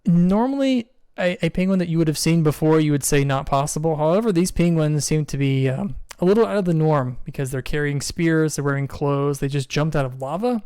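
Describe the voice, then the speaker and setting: Smooth-voiced male game master. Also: a little high, brisk, few pauses, darkish tone, no room sound, studio quality. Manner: descriptive, with many fillers. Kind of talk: narrating a tabletop game.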